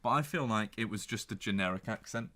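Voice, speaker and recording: A man's voice: fairly low pitch, fairly quick, pushed and bright. Sweary man, casual podcast banter. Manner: sweary, mocking banter, slips into silly voices. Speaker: podcast co-host. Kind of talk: casual chat.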